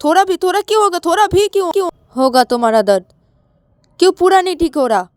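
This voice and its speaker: A woman's voice: high voice, sing-song, a little fast, a little mellow, clear, resonant tone, dry recording, studio quality, voice pushed up. A woman doing a frantic young woman. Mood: agitated. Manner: stammering, repeating words, agitated. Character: young woman, frantic, worried, hot-tempered.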